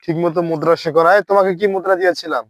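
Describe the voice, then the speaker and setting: Comedy skit: a man as a strict, scolding dance teacher at mid pitch, in a dry, close space. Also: steady tone, very fast, no room sound. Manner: scolding, bossy, threatens punishment.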